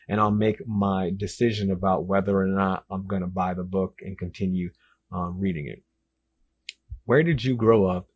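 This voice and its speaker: Speaking in a low-leaning, husky, slightly mellow voice, this young male author gushes through his interview answers. He keeps circling back to the same points and peppers his talk with "like" and "literally." His background spans the Dominican Republic and both the northeastern and southern US.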